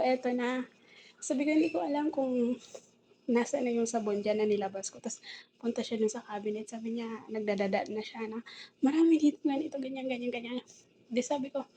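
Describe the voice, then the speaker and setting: Filipino lady rambling on in her vlog, kinda aggrieved, soft dark tone. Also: fairly high pitch, a little hiss or hum, rough recording. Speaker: domestic helper vlogger. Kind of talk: casual storytelling vlog.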